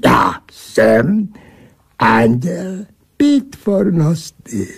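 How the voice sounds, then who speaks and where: A rude, boozy creature built of casks and bottles, put on by a male storyteller, booming in slow, mangled speech dotted with German words. His voice is gravelly and husky, and it swings lively up and down as he scolds. It sounds like a creature out of a read-aloud tale. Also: full character voice. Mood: gruff mocking.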